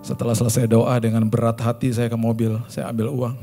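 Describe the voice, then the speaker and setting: A man's voice: medium pitch, flat delivery, brisk, vocal fry, mellow, faint music behind. A male pastor with a Jakarta accent telling a personal story in a sermon, casual slang and sound effects.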